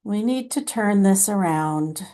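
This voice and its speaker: A woman channeling a slow, gentle divine mother spirit. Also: mid-range voice, expressive. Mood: compassionate. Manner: slow, soothing, motherly address to listeners as children. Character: compassionate motherly female divine spirit, patient and loving.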